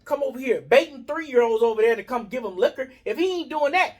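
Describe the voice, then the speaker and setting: A man's voice: very high-pitched, lively intonation, a little fast. An American man in a heated, casual barbershop debate, preaching his point argumentatively and repeating phrases for emphasis.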